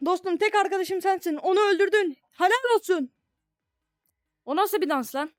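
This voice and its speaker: A young woman from Turkey giving casual, playful commentary on a virtual reality game, taunting the characters in mock-friendly tones with sudden bursts of shouting. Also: very high voice, normal speed, no room sound, soft background music. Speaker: gaming streamer.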